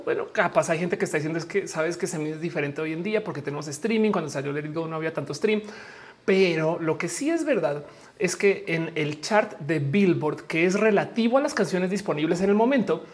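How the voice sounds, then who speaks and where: A woman's voice: fairly low pitch, darkish tone. A woman from Bogotá whose Colombian accent has faded, with Mexican slang mixed in. She chats casually on a live stream, reads the chat aloud, swears lightly and laughs often.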